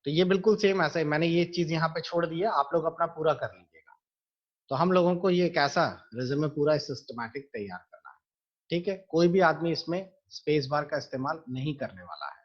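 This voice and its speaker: A man teaching computer software to students in a screen-recorded lesson, explaining each step patiently. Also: on the high side, animated, a little fast, dull audio.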